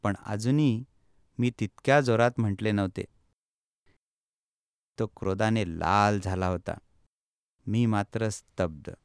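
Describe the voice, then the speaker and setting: Male audiobook narrator, measured storyteller, crisp tone. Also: fairly low pitch, dry recording, studio quality. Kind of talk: first-person audiobook narration.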